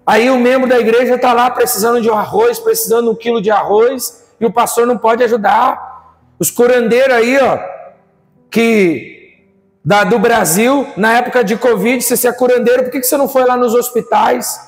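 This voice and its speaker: A man's voice: very high-pitched, normal speed, roomy sound, in a large hall. A man with a Brazilian accent preaching a sermon as pastor, firing rhetorical questions at the congregation. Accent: Brazilian Portuguese.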